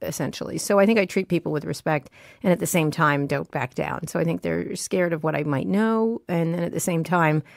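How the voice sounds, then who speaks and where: A woman reporter being interviewed in a studio, self-assured and blunt, talking with lots of quick fillers. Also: deep voice, gravelly, dry recording. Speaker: tech reporter, guest. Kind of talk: conversational interview.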